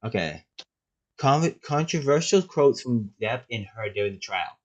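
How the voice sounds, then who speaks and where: Give me a man chatting casually on a podcast, rambling with sarcastic asides, at a mid pitch. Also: lively intonation, measured pace, dull audio. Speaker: podcast co-host.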